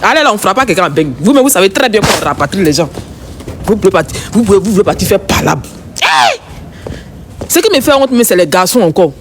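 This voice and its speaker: Fast-talking Ivorian woman ranting live. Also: mid-range voice, sing-song, background noise. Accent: Ivorian French. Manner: combative, repetitive, scolding viewers. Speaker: live-stream host. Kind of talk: live-stream rant. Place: home, early morning.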